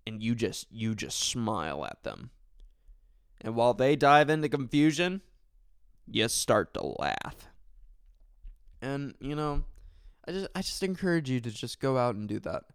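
A male podcast host chats on his own in an unhurried, rambling way, stumbling over words and filling gaps with ums. His voice is smooth and clear. The sound is dry, with no room around it. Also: medium pitch, sing-song, dry recording. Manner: rambling, self-correcting, full of fillers; sincere and thankful. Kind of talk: casual solo podcast talk.

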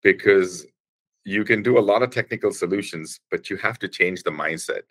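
A man being interviewed on a podcast, explaining things at length in a halting way with many restarts. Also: low voice, fairly bright tone. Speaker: guest, engineering executive.

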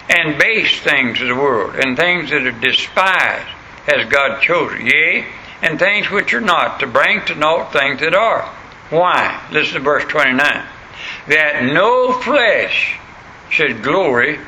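A man's voice: on the high side, pushed and bright. A man with a rural American accent and a plain, untrained country voice, preaching a folksy sermon with stories, scripture and questions to his listeners. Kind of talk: sermon with anecdotes and scripture reading. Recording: clearly noisy recording.

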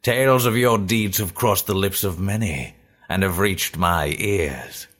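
A sly, thin old stranger in a storybook reading, drawing out every word in a slow, coaxing way, as a deep-voiced male narrator puts him on. His tone sits very low and dark.

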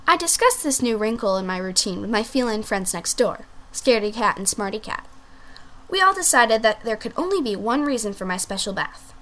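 A woman reading a storybook aloud, voicing a sassy, pampered little female French bulldog with theatrical, diva-like flair. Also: a bit bright. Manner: theatrical, diva-like, swooping pitch.

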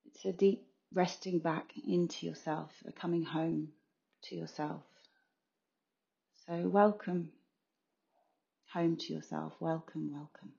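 Deep, warm and gravelly, a woman who works as a meditation guide and consultant slowly and soothingly guides yoga nidra, her tone steady. She speaks in short phrases with frequent pauses, on a slightly muffled recording.

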